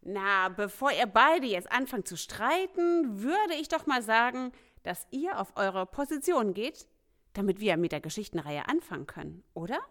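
A woman's voice: mid-range voice, sing-song, normal speed, a bit bright. A woman narrating a children's audio story in a friendly storytelling manner.

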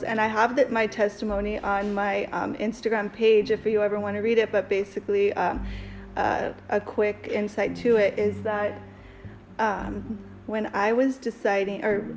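A woman's voice: medium pitch, darkish tone, low-quality recording. A woman co-hosting a casual talk, sharing a personal testimony in an earnest, rambling way with fillers. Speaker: podcast co-host.

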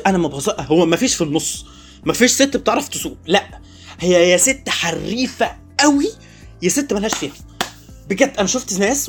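Egyptian vlogger man, husky voice, talks at breakneck speed, animated comic rant, faint music underneath. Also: sits high. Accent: Egyptian Arabic. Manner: animated, joking, repeats phrases for emphasis. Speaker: vlog host. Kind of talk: casual comic monologue.

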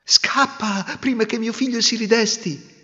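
A woman's voice: fairly high pitch, unhurried, pushed and bright, big-room sound, dull audio, voice pushed up. A man voicing a kind old woman, the mother of the lightning, speaking in a wary, warning way.

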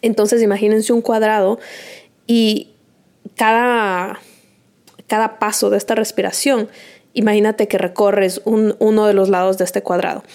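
A woman's voice: mid-range voice, flat delivery, unhurried, a little mellow. Chatty young woman telling a story. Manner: chatty, laughs often, switches into English words. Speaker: vlogger. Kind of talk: casual storytelling to viewers.

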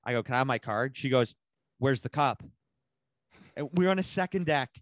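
A man co-hosting a casual podcast, telling a rambling, animated story full of slang and swearing. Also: medium pitch, fast, dry recording. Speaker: podcast co-host.

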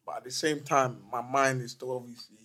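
A young man from Nigeria chatting casually as a podcast guest, relaxed and laid-back, repeating phrases as he talks. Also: mid-range voice, fairly quick. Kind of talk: casual chat.

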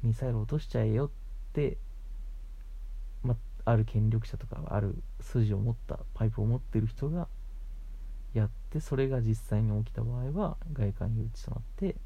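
A man with a gravelly, husky voice hosts a casual late-night chat, explaining things patiently in short, broken phrases, on a muffled recording. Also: medium pitch, moderate pace, dark tone. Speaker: host of a bedtime radio show for a housemate.

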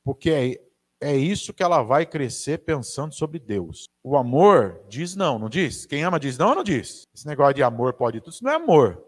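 A man's voice: a little high, sing-song, a little fast, breathy edge. A man with a Brazilian Portuguese accent, preaching a conversational sermon with asides to the audience.

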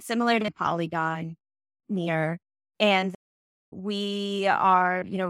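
Young woman, from Bangladesh, podcast guest, chatty, upbeat, filler-heavy, lowish voice, dry recording. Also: a bit bright, no echo. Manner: chatty, upbeat, many "like" and "you know" fillers, light laughs. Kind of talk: casual podcast interview.

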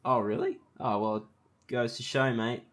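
A man's voice: mid-range voice, steady tone, normal speed. An Australian man co-hosting a podcast in casual, crude banter, talking in sweary laddish slang while congested with a cold. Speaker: podcast co-host.

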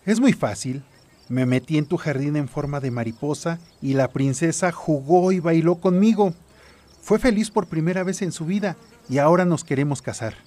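Man acting an earnest, higher-voiced young prince. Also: normal speed, mellow, natural voice. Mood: earnest, firm. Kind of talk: children's audio story acting.

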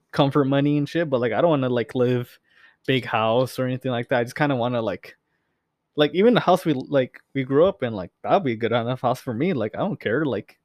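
A man's voice: medium pitch, a little mellow, no echo, studio quality. A young man hosting a podcast, chatting loosely with lots of fillers and swearing. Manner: loose, profane, filler-heavy rambling. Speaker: podcast host. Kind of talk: casual chat.

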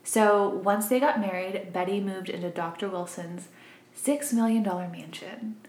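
A woman's voice: mid-range voice, normal speed. Chatty 20s woman from arkansas telling a true crime case, laughs a lot, roomy echo. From Arkansas, grew up in Missouri. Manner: chatty, laughs easily, trails off quietly. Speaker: podcast co-host. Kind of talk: casual true crime chat.

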